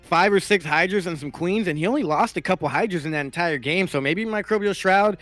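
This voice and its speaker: A man's voice: sits high, brisk, a bit bright, no echo, soft background music. A man working as an esports commentator, chatting casually with a co-caster about the match.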